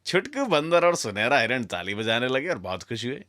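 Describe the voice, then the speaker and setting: With dramatic flair, a man reads a scripted children's story in a bright, forceful voice. His pitch swings widely while his pace stays moderate. The recording is close and dry, with no echo.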